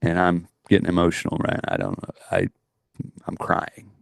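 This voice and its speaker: A man's voice: sits low, big pitch swings, normal speed, gravelly, dry recording, clean studio sound. A middle-aged man co-hosting a podcast, telling a personal story in a rambling, earnest way with many restarts. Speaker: podcast co-host. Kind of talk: casual chat, storytelling.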